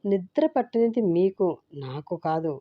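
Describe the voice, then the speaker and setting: A cheeky young bride who trades insults with a quick, teasing tongue, voiced by a woman reading a storybook. The sound is muffled and close. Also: fairly low pitch, lively intonation, no room sound.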